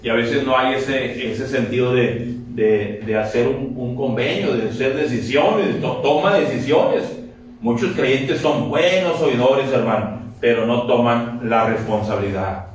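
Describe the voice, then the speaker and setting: Joking pastor in an echoey church. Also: male voice, medium pitch, recorded from a distance. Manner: joking, conversational, acts out quick dialogues. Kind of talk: lively sermon. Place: church sanctuary.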